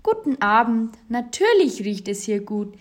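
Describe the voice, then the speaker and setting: A woman's voice: very animated, unhurried. A woman voicing a proud storybook witch who can only cook, talking in a self-assured voice. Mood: smug. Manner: self-assured, then shrill when disgusted.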